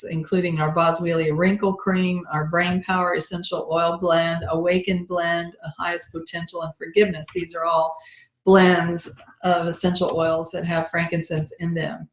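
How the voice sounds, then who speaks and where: A woman's voice: on the low side, little pitch movement, moderate pace. A woman presenting essential oil products in a casual, chatty walkthrough, with many ums and uhs. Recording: roomy echo.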